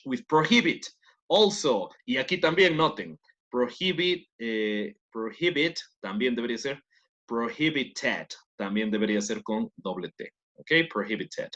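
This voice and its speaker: A Latin American man teaches an English class online, walking through grammar step by step and frequently checking in with tag questions. His medium-pitched voice is animated, unhurried and a bit bright, though the audio is dull.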